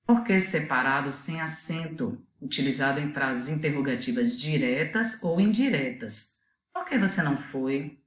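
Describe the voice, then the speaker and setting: Low-voiced Brazilian woman teaching a lesson. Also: a bit bright, roomy sound. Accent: Brazilian Portuguese. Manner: patient, explanatory, asks students to think. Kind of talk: video lesson.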